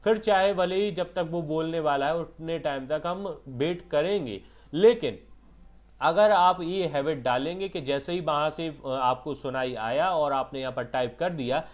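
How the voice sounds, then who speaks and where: A man's voice: a little high, measured pace. A man teaching exam dictation and typing skills, who explains step by step and asks and answers his own questions. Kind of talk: online exam-prep lesson.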